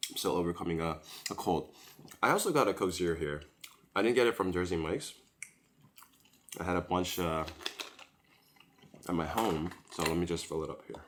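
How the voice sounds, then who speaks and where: A deep-voiced man talks at normal speed with long pauses, over slight background noise. He's a food vlogger reviewing a sandwich as he eats it, recovering from a cold, and his commentary is chatty, rambling and unhurried. He was recorded at home on a camera-mounted shotgun mic.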